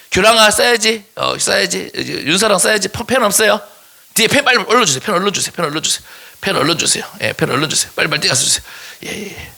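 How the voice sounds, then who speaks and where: A youth pastor with a Daegu Korean accent and a high, creaky voice preaches a sermon to teenagers, animated and teasing as he jokes with them. Like a classroom teacher, he pauses to tell them what to write down.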